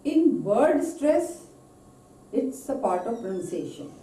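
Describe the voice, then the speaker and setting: A woman with an Indian English accent teaching English pronunciation in a recorded lecture, slowly stretching out example words. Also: on the high side, big pitch swings, mellow, far from the mic. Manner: slow, deliberate, drawn-out example words. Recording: echoey room, voice off-mic.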